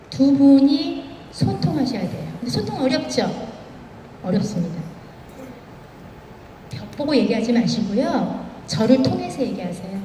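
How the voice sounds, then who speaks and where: A woman's voice: fairly high pitch, darkish tone, a little hiss or hum. A woman guest speaker telling anecdotes on stage and acting out the quoted dialogue. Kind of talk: motivational stage speech with anecdotes. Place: large event hall. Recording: echoey hall, far from the mic.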